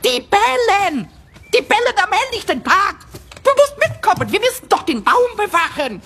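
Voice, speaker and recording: A woman voicing a small, cheeky, excitable male kobold in a vintage cartoon style for a children's audio play, exclaiming and repeating words in a childlike way. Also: very high voice, moderate pace, full character voice. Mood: agitated, pleading. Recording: music behind the voice.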